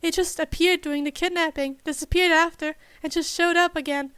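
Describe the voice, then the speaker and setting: A woman's voice: very high-pitched, steady tone, fairly quick, fairly bright tone, no room sound. A woman reading a snarky, threatening young man's lines in a fan audiobook. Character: rough-mouthed young man, snarky.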